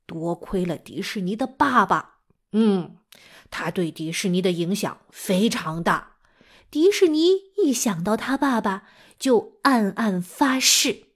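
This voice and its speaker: A woman hosting a children's lesson, telling stories as if reading to a young child, with exaggerated emphasis and frequent questions. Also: medium pitch. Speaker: children's teacher and storytelling show host. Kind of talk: animated storytelling for young children.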